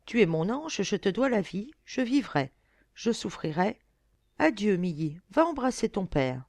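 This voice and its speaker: A woman's voice: medium pitch, sing-song, measured pace, darkish tone, no echo, pitched above the performer's own voice. A woman reading aloud, voicing a brooding young nobleman who sounds bitter and resigned.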